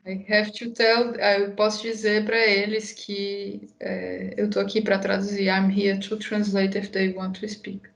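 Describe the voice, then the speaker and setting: A woman's voice: medium pitch, monotone, moderate pace, gravelly, few pauses, poor audio. A woman with a Brazilian accent informally moderating a live event and interpreting.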